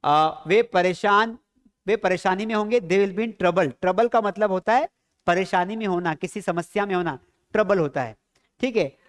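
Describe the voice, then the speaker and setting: A man with an Indian English accent leads a classroom lesson. His voice sits high and sounds smooth and clear, and he keeps quizzing his students with repeated questions. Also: moderate pace. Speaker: English teacher.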